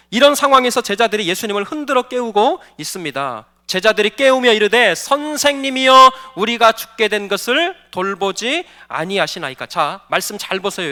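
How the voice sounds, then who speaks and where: Male pastor in a church, very high bright voice with lively pitch swings, emphatic sermon delivery. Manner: emphatic preaching, asks the congregation questions. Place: church sanctuary.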